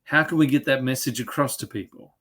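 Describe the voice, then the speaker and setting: A head chef with an Australian accent hosts a conversational interview over a video call, speaking earnestly and repeating words for emphasis. His medium-pitched voice is brisk and a bit bright.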